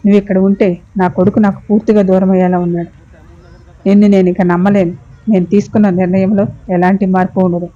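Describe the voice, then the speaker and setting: A woman's voice: medium pitch, flat delivery, fairly quick, dark tone, dull audio, lightly acted. A woman voicing a stern, angry middle-aged mother-in-law who scolds harshly. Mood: angry scolding.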